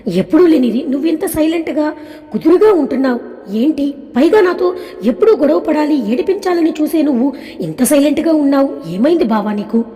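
Woman reading sweet innocent young wife, soft pleading way, highish mellow voice, long echo. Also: lively intonation, a little fast. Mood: tender. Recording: long reverb.

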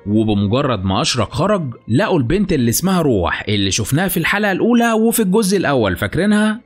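A man with an Egyptian accent retelling a series episode in a chatty storytelling recap, talking straight to the listener. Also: on the high side. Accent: Egyptian Arabic. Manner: chatty, addresses the listener directly. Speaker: recap narrator.

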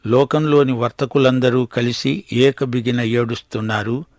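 An older man preaching a radio sermon in a slow, deliberate, rhythmic way, listing items one by one. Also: medium pitch, fairly even intonation, darkish tone, no room sound. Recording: dry studio radio recording.

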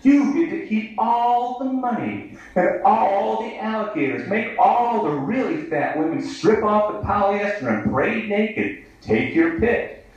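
With a high-pitched, lively voice, an American man in his thirties declaims his poetry sardonically at a live bar reading, taking his time. The tone is darkish with the highs cut off. A distant mic captures it in the venue's echo.

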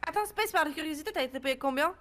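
A pushy, excitable woman takes part in a GTA roleplay. She talks fast in a high voice.

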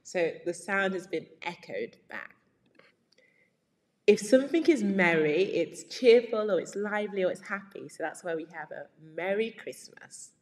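A woman's voice: medium pitch, lively intonation, a little slow, a little mellow, long reverb tail. A woman teaching English, reading a children's story aloud and patiently explaining words along the way.

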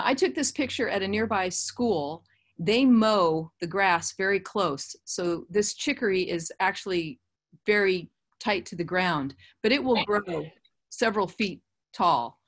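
A middle-aged woman presenting a gardening webinar over a video call, explaining in a friendly way with casual asides. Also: medium pitch. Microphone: webcam on a video call.

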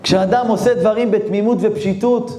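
A man, a rabbi, telling a story in a lively, dramatic sermon. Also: sits high, roomy sound, a little hiss or hum.

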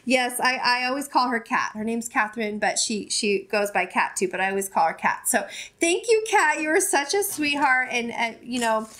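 A woman's voice: a little high, lively intonation, normal speed, a bit bright. Gushing woman in her forties, vlogging. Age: 40s. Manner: effusive and gushing, rambling with many restarts. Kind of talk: casual chat opening fan mail.

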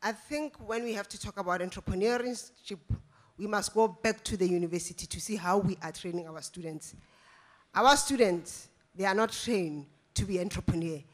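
A woman's voice: mid-range voice, moderate pace. Woman audience member, insistent, stresses each point; handheld mic in a conference hall. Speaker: audience member at a panel, university staff. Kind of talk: impassioned comment from the floor. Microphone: handheld microphone.

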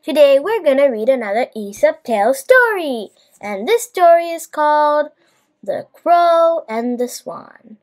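A woman hosts a reading of a children's bedtime story, addressing young listeners. Her delivery is deliberate and expressive, and her voice sits high.

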